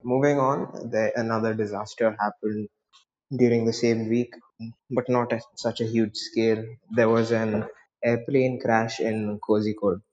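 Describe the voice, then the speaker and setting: A man's voice: fairly low pitch, little pitch movement, unhurried, a little mellow, highs cut off. A teenage boy from India co-hosting a casual podcast, teasing his friend and chiming in with short replies. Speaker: podcast co-host.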